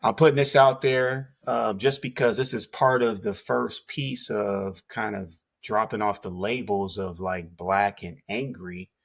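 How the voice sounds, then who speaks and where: A man's voice: on the low side, steady tone, unhurried, creaky, hardly any pauses, slightly rough. A man co-hosting a podcast, speaking in an earnest, emphatic way about history and labels. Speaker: podcast co-host. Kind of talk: casual talk-show conversation.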